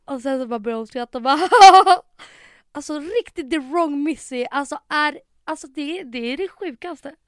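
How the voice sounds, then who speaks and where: A woman's voice: sits high, few pauses, dry recording, clean studio sound. Young woman telling a story animatedly. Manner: animated storytelling with acted quotes. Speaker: podcast co-host. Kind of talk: casual chat.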